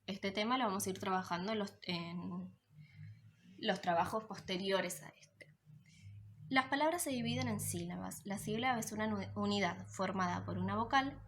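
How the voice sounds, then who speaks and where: Woman teacher, mid-pitched, explains a class lesson patiently and step by step. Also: background noise. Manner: patient, explanatory, checks in with a frequent "right?". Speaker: secondary school teacher.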